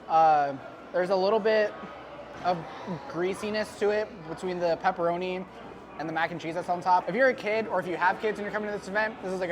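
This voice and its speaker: A man with a high voice gives a casual food review. He is informal and a little halting as he works out each verdict. A crowd is clearly audible around him outdoors. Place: outdoors at a theme park. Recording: outdoor vlog amid crowd noise. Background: crowd noise.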